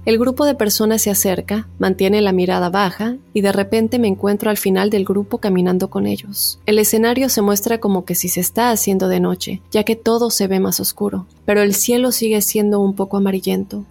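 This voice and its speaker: A woman hosting a podcast, welcoming listeners and reading their letters aloud in a calm, steady storytelling manner. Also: mid-range voice. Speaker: podcast host.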